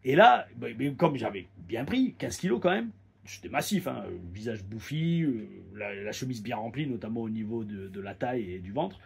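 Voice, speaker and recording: A man and former pro wrestler, chatting casually in an animated storytelling way as he reviews a show, often repeating words as he goes. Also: mid-range voice, normal speed, creaky, breathy edge. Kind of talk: casual anecdotal monologue.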